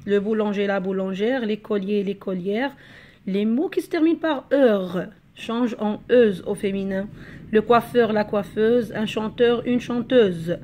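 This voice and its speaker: A woman's voice: medium pitch, measured pace, a little mellow, slight background noise. A woman teacher giving a patient grammar lesson to a class, walking through many examples.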